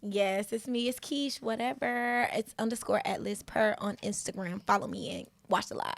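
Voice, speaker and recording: A woman guest on a podcast, teasing the hosts with quick questions in casual chat. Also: medium pitch, gravelly.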